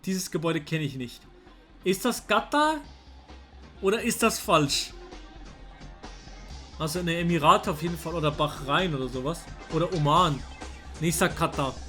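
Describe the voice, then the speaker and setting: A young man, talking casually to his chat while playing a guessing game, excitable and slangy. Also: fairly high pitch, moderate pace, long pauses. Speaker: streamer. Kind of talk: casual gameplay commentary. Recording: faint music underneath.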